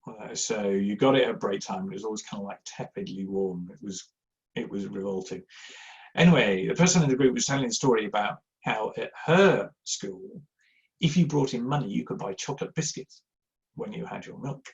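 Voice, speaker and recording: Gravelly-voiced man telling anecdotes. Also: fairly low pitch, brisk. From Yorkshire, England. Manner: rambling, anecdotal, self-deprecating, many fillers. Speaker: church giving speaker. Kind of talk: informal talk to a live audience. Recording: slightly dull lo-fi sound.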